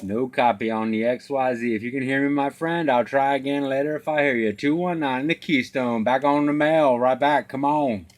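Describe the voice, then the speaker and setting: Over a static-filled CB radio, a male operator making contacts rattles off call signs and slang in short, repetitive radio talk. His mid-range voice holds a steady tone at a normal speed, with few pauses.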